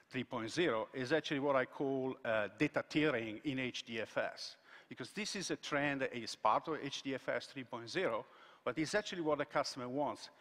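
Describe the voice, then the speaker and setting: A man giving a conference keynote from a large stage, speaking haltingly with frequent restarts. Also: mid-range voice, fairly bright tone. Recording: echoey hall sound.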